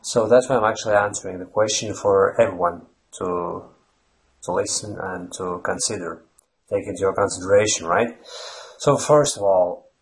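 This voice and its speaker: A Latvian man with a low voice and a Latvian accent speaks at normal speed in Ireland, running a language-learning channel. His unscripted explanation goes on at length, rambling with fillers and restarts.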